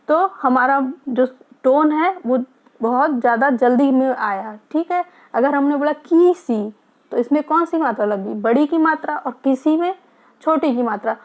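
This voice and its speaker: A woman teacher giving a grammar lesson, asking questions and answering them herself, explaining slowly and mixing English words into her speech. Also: high voice, darkish tone. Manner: explains slowly and repeats points.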